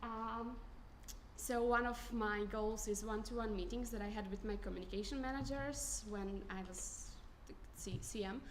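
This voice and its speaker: A woman's voice: a little high, fairly even intonation, moderate pace, a little hiss or hum. A woman in her twenties from Croatia giving a candidacy speech at an assembly, informal with many fillers and restarts. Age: 20s.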